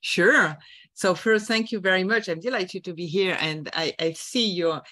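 A woman from France with a French accent, a leadership coach answering interview questions thoughtfully with frequent pauses. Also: fairly low pitch, sharp tone, no echo. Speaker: guest, executive leadership coach. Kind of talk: podcast interview.

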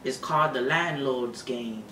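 A man's voice: mid-range voice, a little slow, bright, forceful tone. A teenage boy reading a scripted mock 1930s newsreel report as the news anchor, in an announcer's way. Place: small room at home, indoors. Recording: roomy, noisy home recording from a distance.

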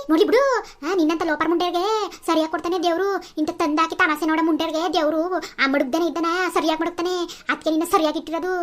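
A woman's voice: high voice, lightly acted. A woman voicing an old village mother in a cartoon who scolds her sister-in-law harshly. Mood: abusive. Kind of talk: cartoon voice acting.

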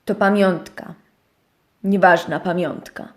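A woman voicing a grumpy male teddy bear who believes he is a rat, gruff and sulky, in a children's audio story. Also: lowish voice, fairly even intonation, slow, voice pushed down.

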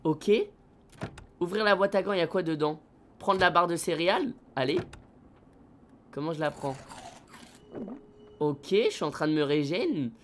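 A man live-streaming a video game, excitable and slangy, talking straight to his chat. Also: on the high side, moderate pace, long pauses, a little hiss or hum.

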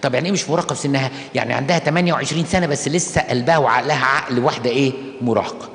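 A man with an Egyptian Arabic accent, a priest answering questions in a lively, animated pastoral talk. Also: mid-range voice, rapid-fire, echoey room, long reverb tail. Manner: lively, animated, acts out askers' words.

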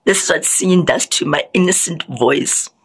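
A young woman from South Africa, talking to her camera in a casual vlog, chatty and rambling, with a husky, lowered morning voice. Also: normal speed, rough recording. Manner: chatty, rambling, self-mocking. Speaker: vlogger.

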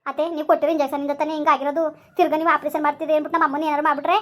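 Brief: anxious young daughter-in-law, begging, slightly lower voice, put on by a woman. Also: flat delivery, racing, a bit bright. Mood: pleading. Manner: pleading.

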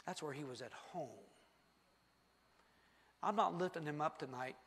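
A man preaching a sermon, telling a story with animated delivery, acting out scenes and asking the congregation questions. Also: fairly high pitch, unhurried. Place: church sanctuary. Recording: long reverb of a church hall.

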